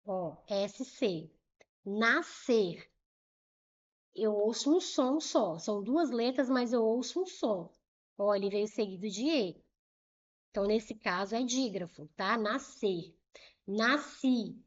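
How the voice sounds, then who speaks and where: A woman teaching Portuguese grammar with a Brazilian accent, spelling out letter pairs and repeating words slowly to show how they sound, checking in with short questions. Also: fairly high pitch, animated, lo-fi sound. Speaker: Portuguese teacher for civil service exams. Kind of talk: explaining grammar at a whiteboard.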